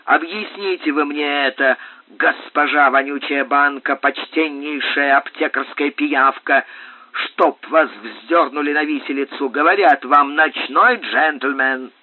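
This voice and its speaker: A man voicing a blustering, rude male sea captain in an audiobook, loud and swaggering with curses, on a tinny recording. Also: on the high side, unhurried, no echo. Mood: brawling. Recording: tinny phone-like dry sound.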